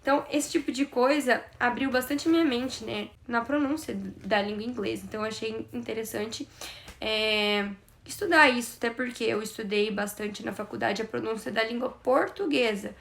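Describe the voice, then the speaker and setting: Young brazilian woman vlogging, kinda high voice, creaky gravelly texture, excited chatty teacher vibe. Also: a little hiss or hum. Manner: chatty, enthusiastic, many fillers. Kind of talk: casual explanatory vlog.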